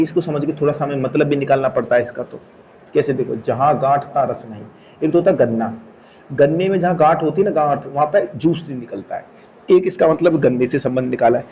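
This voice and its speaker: Male teacher, slightly high voice, patient repetitive explainer, dull lo-fi recording with faint hiss. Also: darkish tone. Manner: explains step by step, repeats key words, asks checking questions. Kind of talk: Hindi grammar lesson.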